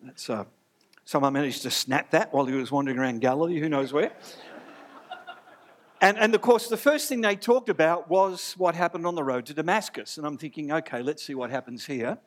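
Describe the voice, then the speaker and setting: A man's voice: on the high side, brisk. A man preaching a sermon to a live church congregation, chatty and joking with them as he talks. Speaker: pastor.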